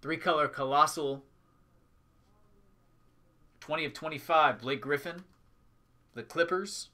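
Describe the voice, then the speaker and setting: A man's voice: on the high side, slow, sharp tone. A man hosting a live trading card break, calling out items in short, clipped announcing phrases. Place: indoors at a tabletop with a display backdrop.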